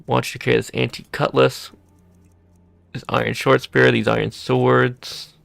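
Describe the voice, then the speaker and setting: Gravelly man thinking aloud while gaming. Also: mid-range voice, flat delivery, moderate pace, fairly bright tone, dry recording. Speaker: gameplay streamer. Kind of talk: casual gameplay commentary.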